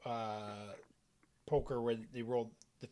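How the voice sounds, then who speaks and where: A man's voice: mid-range voice, level tone, takes it slowly, a crowd in the background. A young man running a tabletop game as game master, loose and full of fillers. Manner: loose, filler-heavy narration.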